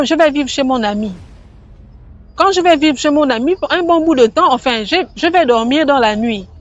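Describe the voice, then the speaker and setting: High-voiced woman telling a rambling story. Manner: rambling, with frequent restarts and repeated words. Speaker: storyteller sharing a personal testimony. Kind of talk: casual first-person storytelling. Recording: slightly muffled, faint background music.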